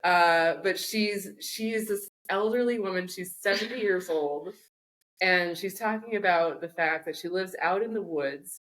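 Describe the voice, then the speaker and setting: A woman with a slightly low voice co-hosts a podcast, chatting casually. She tells her stories in a joking, rambling way. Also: a little slow, a bit bright. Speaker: podcast co-host. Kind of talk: casual chat.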